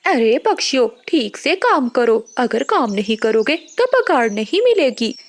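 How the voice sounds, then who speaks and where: Woman doing a greedy cartoon crow landlady, high, lively, harsh and scolding. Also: unhurried. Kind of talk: Hindi cartoon voice acting.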